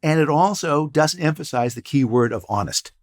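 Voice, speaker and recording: A man's voice: a little high, lively intonation, normal speed. An older man, a guest entrepreneur and professor, telling stories in a casual interview with dry, punning humor. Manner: storytelling, wry and punning.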